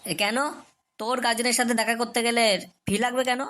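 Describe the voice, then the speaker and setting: Fast-talking and forceful, an actor in a comedy cartoon plays an irritable schoolteacher, addressed as sir, who scolds, questions, and threatens pupils in exasperation. His mid-range voice is bright and lightly acted, though the delivery stays flat.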